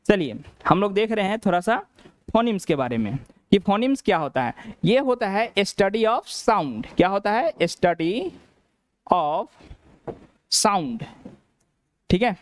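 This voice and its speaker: Bihari guy teaching english grammar, asks and answers his own questions, smooth voice, dry close mic. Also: high voice, big pitch swings, normal speed, no room sound. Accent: Bihari Hindi. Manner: repeats each point as a question, then answers it. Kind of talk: classroom lesson.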